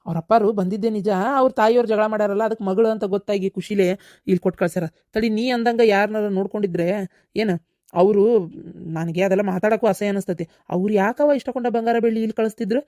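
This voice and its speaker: A woman's voice: medium pitch, steady tone, a little fast, dark tone, no echo, studio quality, close to an everyday voice. A woman voicing a firm, reproachful young woman in a cartoon, with a North Karnataka Kannada accent. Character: level-headed young woman scolding her mother. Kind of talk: cartoon voice acting.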